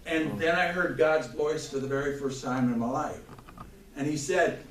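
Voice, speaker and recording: A man's voice: a little high, moderate pace, a bit bright. Fervent man testifying in an echoey church. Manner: fervent storytelling with restarts and chuckles. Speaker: church member giving testimony. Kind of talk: spoken testimony before a congregation. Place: church hall. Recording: echoey room mic from far off, faint noise.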